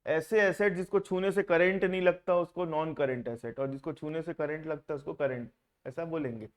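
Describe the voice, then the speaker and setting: A man's voice: a little high, steady tone, moderate pace. Hindi-speaking man teaching a class. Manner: asks the class questions, mixes in English terms. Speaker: accounting teacher. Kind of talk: classroom lecture.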